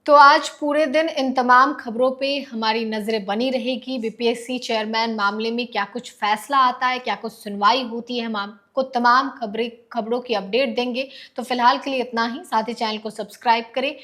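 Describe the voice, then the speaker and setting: A woman's voice: on the high side, steady tone, normal speed, hardly any pauses, pushed and bright. A woman news anchor presenting a report formally. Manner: brief affirmations, formal sign-off.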